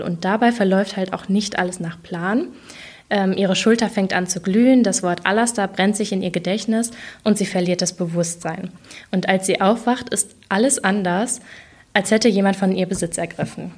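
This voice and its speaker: Woman author, podcast guest, chatty, filler-heavy, reads aloud steadily, mid-pitched voice. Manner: chatty, many fillers, then even-paced reading. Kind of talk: casual interview chat and reading aloud.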